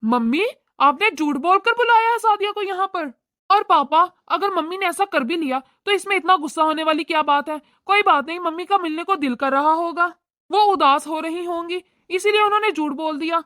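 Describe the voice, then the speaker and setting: A woman's voice: very high-pitched, a little fast, sharp tone, no room sound, studio quality. A woman voicing an easygoing young adult brother in a cartoon, who soothes and placates his family. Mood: placating.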